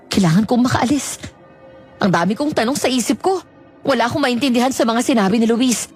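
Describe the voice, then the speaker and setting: A woman's voice: mid-range voice, a little mellow, husky. A woman reading a first-person horror story with tense, scripted narration.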